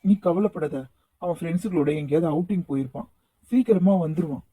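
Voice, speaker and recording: A voice actor doing a calm, soothing middle-aged father. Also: medium pitch, fast, slight background noise, natural voice, low-quality recording. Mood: reassuring. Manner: soothing, steady. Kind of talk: cartoon voice acting.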